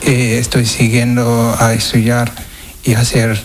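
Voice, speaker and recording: A man's voice: mid-range voice, monotone, faint music behind, poor audio. Hesitant young man from Senegal. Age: 20s. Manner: hesitant, halting non-native Spanish. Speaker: interviewee. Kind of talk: street interview.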